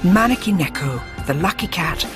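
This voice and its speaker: Low-voiced woman narrating a nature documentary. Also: animated, normal speed. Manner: dramatic, scripted delivery. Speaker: presenter. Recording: music behind the voice.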